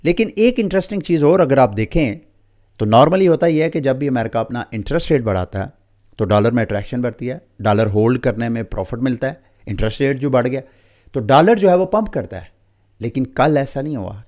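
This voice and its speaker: A man's voice: mid-range voice, darkish tone. A man from Pakistan with a Pakistani Urdu accent, hosting a crypto market update and explaining the news straight to his viewers, with English terms mixed in.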